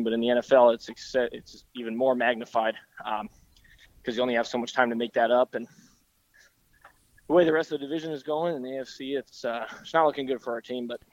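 A hoarse man co-hosts a sports podcast, his voice worn from yelling and his pitch staying flat. He talks in a relaxed, agreeable way, and the recording sounds a bit dull and lo-fi. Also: dry recording. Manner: relaxed and agreeable, with many fillers. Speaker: podcast co-host. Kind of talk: casual sports podcast chat.

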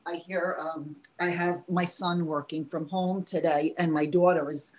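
A woman's voice: on the low side, steady tone, a little slow. A woman from New York chatting casually as a podcast guest from her home studio. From New York, United States. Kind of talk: casual chat. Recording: faint background noise.

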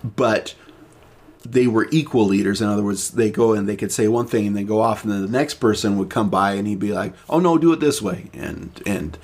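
A man's voice: fairly low pitch, steady tone, brisk. A man hosting a casual podcast chat, explaining at length with many restarts and fillers. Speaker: podcast host presenting the topic.

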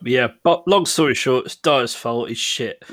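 A man's voice: mid-range voice, measured pace, a bit bright, no echo, clean studio sound. A man on a football podcast joking and giving blunt opinions, laughing often. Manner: jokey, blunt, laughs a lot. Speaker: podcast co-host. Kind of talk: casual football podcast banter.

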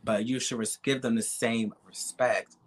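A man's voice: medium pitch, fairly even intonation, unhurried. A young man, talking casually and candidly in an emphatic, repetitive, slangy way with some swearing.

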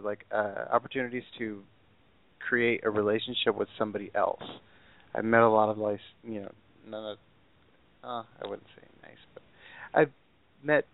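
Young man, caller on a phone line, low voice, gravelly fry, hesitant rambling, tinny distant sound. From Southern California. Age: 20s. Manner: hesitant, rambling with many fillers. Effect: heard over a phone line. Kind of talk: call-in advice conversation.

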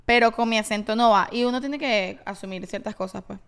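Venezuelan woman podcasting, highish clear voice, blunt and jokey. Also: fairly quick. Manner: expressive, blunt, joking. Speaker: podcast co-host, actress. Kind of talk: casual chat.

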